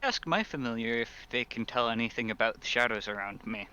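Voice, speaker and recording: A man's voice: mid-range voice, animated, brisk, bright, forceful tone, clean tone. A man speaking casually as a player in a tabletop role-playing game. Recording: dull, noisy microphone sound.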